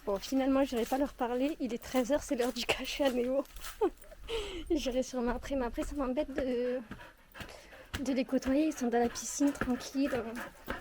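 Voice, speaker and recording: Doing chores outdoors on her home terrace, a young woman from the Perpignan area of southern France chats casually with her viewers in a southern French accent. The vlogger has a high voice and a chatty, self-mocking manner, with background noise audible.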